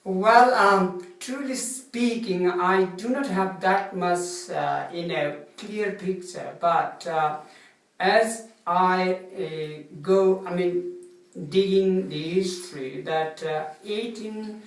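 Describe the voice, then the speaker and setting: An older man from Nepal with a Nepali accent, a retired soldier answering interview questions politely and haltingly, with many fillers. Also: high-pitched. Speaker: guest, retired Gurkha soldier. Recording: echoey room, mic some distance off.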